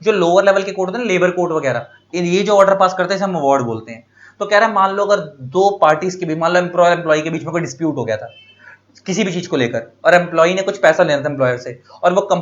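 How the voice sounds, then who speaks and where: A man's voice: sits high, fairly bright tone. A man teaching law, explaining terms through everyday examples and often repeating the main point. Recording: dull lo-fi audio.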